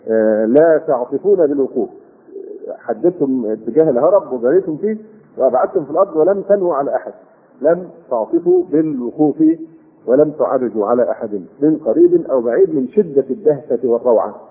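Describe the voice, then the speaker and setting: An older man with an Egyptian Arabic accent giving a Quran commentary lesson, explaining with rhetorical questions and drawn-out fillers. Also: mid-range voice, very animated. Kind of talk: classroom tafsir lesson. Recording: phone-like husky lo-fi.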